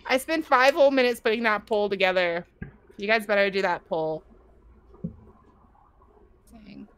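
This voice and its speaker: A woman's voice: mid-range voice, a little slow, fairly bright tone, clear, resonant tone. A woman co-casting a live strategy game match, playful and teasing with her partner. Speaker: esports caster.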